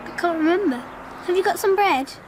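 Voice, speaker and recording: A female performer in a radio drama voices an earnest, imaginative little schoolgirl who rambles and takes things literally while talking and narrating. Her pitch is extremely high and her pace brisk, with background noise present.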